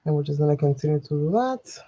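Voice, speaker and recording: Speaking fast and animatedly in a deep, dark-toned voice, a woman runs a live crafting tutorial from her home craft desk, rambling to viewers while sniffly and a bit sick. She's off-frame under an overhead livestream camera, captured in lo-fi sound.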